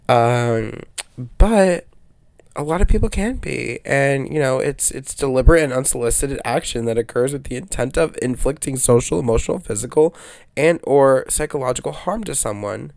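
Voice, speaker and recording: A man's voice: medium pitch, moderate pace, vocal fry, darkish tone, dry recording. A man with allergy congestion, hosting a casual solo podcast in a rambling, slangy, self-interrupting way. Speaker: podcast host.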